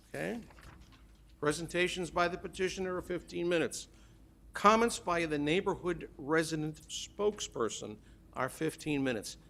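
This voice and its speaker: A man chairing a planning board meeting, reading procedural rules in a measured way. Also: a little high, fairly bright tone.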